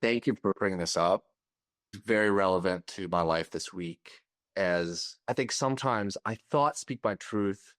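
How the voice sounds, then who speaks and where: Podcast guest, man, low voice, dry close sound, candid and searching. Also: unhurried, no echo. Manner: candid, searching, a little emotional. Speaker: podcast guest, party coach.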